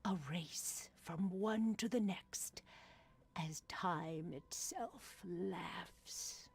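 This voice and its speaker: A woman playing a knowing, mysterious fortune teller in a video game, speaking theatrically in a breathy, raspy half-whisper. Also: lowish voice, a little mellow, full character voice. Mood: ominous, prophetic. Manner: theatrical fortune-teller delivery, cryptic and drawn-out. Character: mysterious old-fashioned female fortune teller, knowing and cryptic. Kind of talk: dramatic video game voice acting.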